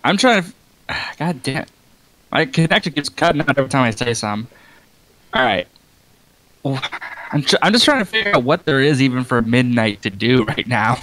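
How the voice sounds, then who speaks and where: A man playing a tabletop game over a video call, his audio cutting out from a bad connection, talking in halting starts and restarts. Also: medium pitch, big pitch swings, fairly bright tone, no echo, rough recording. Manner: halting, restarts often, clears throat. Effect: choppy audio cutting out from a bad internet connection. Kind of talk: casual online game session.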